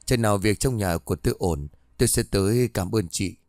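A man's voice: on the low side, a little fast, darkish tone, no echo, clean studio sound, close to an everyday voice. A man voicing a humble, worried village father asking for help in a spoken ghost story.

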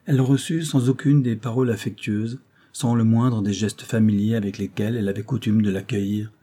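A man narrating a classic novel as an audiobook, telling the story in an even, unhurried way. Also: on the low side, breathy edge. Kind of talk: scripted literary narration.

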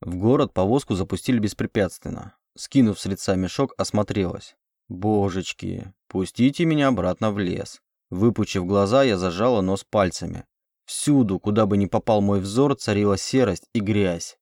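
A man reads an audiobook at a steady, even pace. His voice sits low and the recording is dry and close. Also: moderate pace, dry recording. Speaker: audiobook reader. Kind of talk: audiobook narration.

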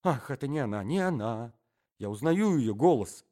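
A man voicing a jealous, anxious gentleman in a fur coat who talks in agitated, repeated bursts. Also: mid-range voice, lively intonation, normal speed, lightly acted. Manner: agitated, stammering repetitions.

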